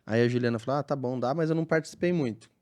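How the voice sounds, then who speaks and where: A man's voice: medium pitch, racing. A man tells a story on a podcast. He acts out each exchange, and his voice keeps leaping up and dropping down as he plays the different people. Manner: animated, acts out dialogue in lively voices. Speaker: burger restaurant owner, guest.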